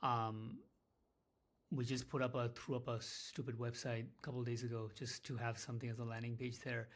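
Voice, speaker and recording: A man's voice: mid-range voice, level tone, brisk. A man talking candidly in a casual vlog about his small business, rambling, swearing and running himself down. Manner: rambling, candid, profane, self-deprecating. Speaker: small business owner vlogging.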